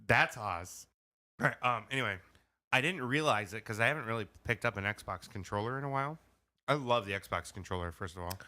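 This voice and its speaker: A man's voice: on the low side, fast, bright, forceful tone. A man co-hosting a casual podcast, explaining things patiently with many fillers. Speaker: podcast co-host. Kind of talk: casual chat.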